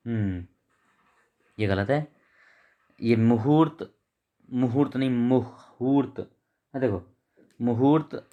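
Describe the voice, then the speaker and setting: A man with a medium-pitched voice teaches an exam-prep lesson. He reads each option aloud, corrects the spelling, and trails off quietly as he wraps up each answer.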